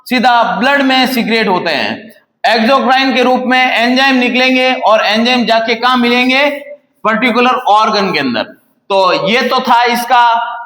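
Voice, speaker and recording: A man teaching a class on video, with a slightly sore throat, who asks questions and answers them himself, repeating key slowly. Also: very high-pitched, bright, forceful tone. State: slightly sore throat, clears it now and then. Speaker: paramedical teacher. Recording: echoey room.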